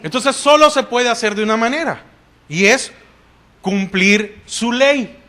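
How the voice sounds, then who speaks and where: A man's voice: extremely high pitch, measured pace, pushed and bright. A man with a Salvadoran Spanish accent preaching a sermon in church, asking the congregation questions and answering them with frequent "amén".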